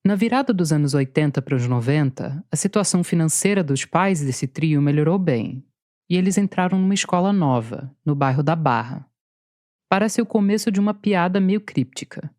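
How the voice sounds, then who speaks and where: With a Brazilian Portuguese accent, a woman narrates a documentary podcast in a scripted, dry and playful storytelling style, weaving her lines between interview clips. Her low, mellow voice has lively intonation at a moderate pace, recorded with no room sound.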